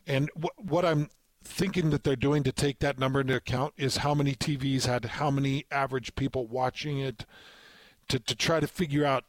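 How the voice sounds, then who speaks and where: A man's voice: medium pitch, fairly even intonation, normal speed, no echo. A man co-hosting sports radio with conversational commentary, talking his way through points.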